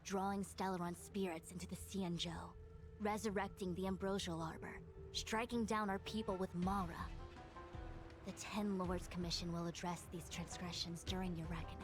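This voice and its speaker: A woman's voice: on the low side, steady tone, moderate pace, over music, lightly acted. An actress playing an authoritative, stern female commander and diviner in a video game, with formal, commanding delivery. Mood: stern, accusing. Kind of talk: scripted video game dialogue.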